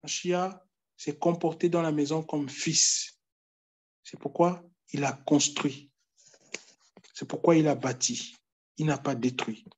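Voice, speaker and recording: Slow, high-voiced man preaching a sermon. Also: fairly even intonation, a little mellow, slightly rough. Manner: exhorting, pleading with listeners; repeats phrases with emphatic pauses.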